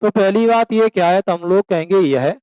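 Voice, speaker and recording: High-voiced male coaching teacher. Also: moderate pace, darkish tone, smooth, dry recording, poor audio. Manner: calls students beta, asks and answers own questions; slips into rural dialect for examples. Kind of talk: classroom lecture.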